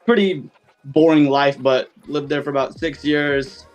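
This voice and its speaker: A man from southern Vietnam, a podcast guest, talking in a relaxed, chatty way with lots of fillers. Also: fairly high pitch, a little slow, muffled recording, soft background music. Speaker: podcast guest, esports player. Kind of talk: casual chat.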